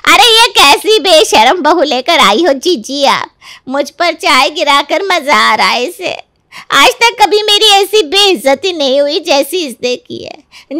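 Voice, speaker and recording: A woman doing a shrill scolding aunt-in-law. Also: gravelly, bright, forceful tone, full character voice. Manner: scolding, huffy. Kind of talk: cartoon story voice acting.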